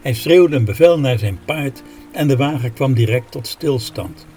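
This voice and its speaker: Man calmly reading a story aloud. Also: mid-range voice, normal speed, soft background music.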